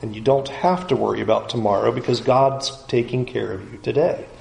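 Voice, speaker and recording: Animated man preaching in a roomy hall. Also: mid-range voice, a little fast, gravelly. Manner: animated, acts out the people's complaints. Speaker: pastor. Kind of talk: expository sermon. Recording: roomy echo, faint background noise.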